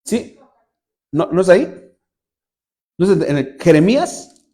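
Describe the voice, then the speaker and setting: A man preaching a sermon to a congregation in church, reading from the Bible and retelling its stories in a lively way, speaking directly to his listeners. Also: sits high, a little slow. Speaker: pastor.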